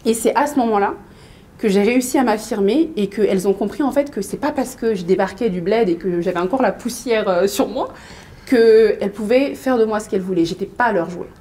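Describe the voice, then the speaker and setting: Guest, thirties woman from Mali; loose conversational delivery, stops and restarts, warms into storytelling. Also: medium pitch, brisk. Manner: hesitant, many fillers and restarts, lively storytelling. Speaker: interview guest, business coach. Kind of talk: casual conversational interview.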